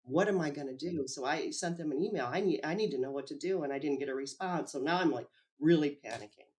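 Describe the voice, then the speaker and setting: Animated woman recounting events in an interview. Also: sits low, fast talker. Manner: animated, acts out quoted dialogue, laughs often. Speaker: whistleblower guest. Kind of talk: interview storytelling.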